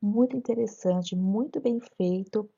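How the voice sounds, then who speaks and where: Gravelly dark-voiced Brazilian woman teaching. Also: medium pitch. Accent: Brazilian Portuguese. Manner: explains slowly, reads verse aloud rhythmically. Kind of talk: poetry lesson with read-aloud verses. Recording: dull lo-fi recording.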